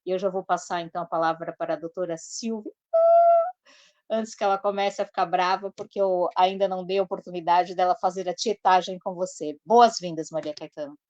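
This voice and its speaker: A woman's voice: fairly low pitch, fairly even intonation, fairly quick, darkish tone, no echo. A woman hosting a live talk show, telling a story in a chatty way full of asides and tag questions. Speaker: host.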